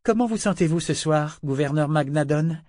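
A man's voice: a little high, normal speed, a little mellow, no echo, clean studio sound, pitched above the performer's own voice, lightly acted. A man reading the lines of a wary young woman who forces herself to stay polite. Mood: coaxing.

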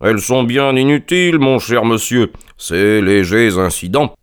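A man's voice: medium pitch, a little slow, clear, resonant tone, natural voice. A man doing a cool, dryly polite detective. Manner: polite, dry, self-assured. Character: cool, ironic male detective. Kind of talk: audiobook character reading.

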